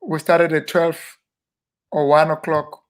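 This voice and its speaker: His pitch barely moves as this South African minister, in his 50s, reminisces at a leisurely, rambling pace during a relaxed interview. The voice sits a little high for a man, and fillers and restarted sentences come often.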